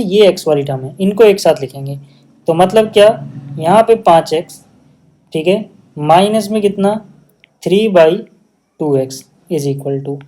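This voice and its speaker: A man's voice: high-pitched, mellow. A man with a Hindi accent teaching a maths lesson step by step at a whiteboard, often checking that students follow and mixing English maths terms into his Hindi. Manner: patient, step-by-step explaining with frequent check-in questions.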